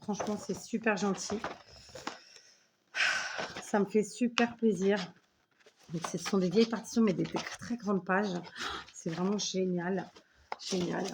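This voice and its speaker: A woman's voice: mid-range voice, steady tone, measured pace, creaky, long pauses, background noise. Chatty, enthusiastic French craft vlogger woman. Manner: chatty, enthusiastic, effusive thanks. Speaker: scrapbooking video host. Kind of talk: casual unboxing chat.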